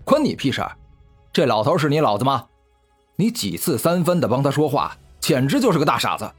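A spoiled rich young bully, voiced by a male narrator, insolent and mocking. His husky voice swoops up and down as he jeers. Faint music runs behind him. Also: mid-range voice, big pitch swings, brisk. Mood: sneering. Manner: sneering, insolent.

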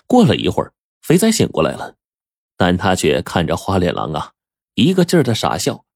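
A man telling a story in lively, colloquial narration, doing voices for each character. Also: low voice, fairly quick, gravelly, dry recording, studio quality.

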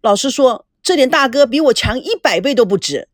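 Awkward young man in the wrong, halting and defensive, lively voice, as a woman storyteller reads him. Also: high-pitched, no room sound, clean studio sound. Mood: hesitant, defensive. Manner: hesitant, defensive.

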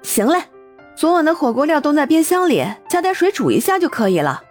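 A bright young actress, voiced by a woman in an audiobook, caring and cheerful. Her voice sits high and swings freely between notes. She rattles off friendly reminders in a chatty flow. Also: a little fast, faint music behind. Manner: lively, chatty instructions.

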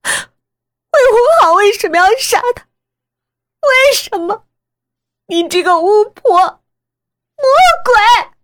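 A woman voicing a distraught young daughter who screams accusations in a shrill, hysterical voice. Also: expressive, slow, long pauses, a bit bright, full character voice. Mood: hysterical accusing.

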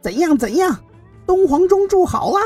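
A woman's voice: very high-pitched, sing-song, moderate pace, warm tone, faint music behind. A woman voicing a cheeky, boastful little old man in an audio drama, speaking in a bouncy, self-satisfied way. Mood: eager.

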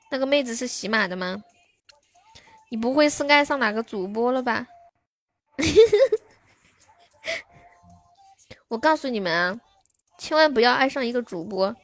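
A woman's voice: a little high, a bit bright, dry recording. A young woman hosting a live stream, chatting casually with her viewers and answering their comments.

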